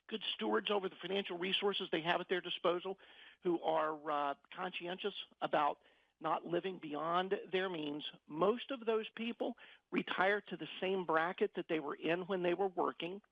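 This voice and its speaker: A man's voice: high voice, normal speed, dry recording, highs cut off. A middle-aged man explaining things as a financial advisor in a radio interview, often repeating words as he searches for phrasing.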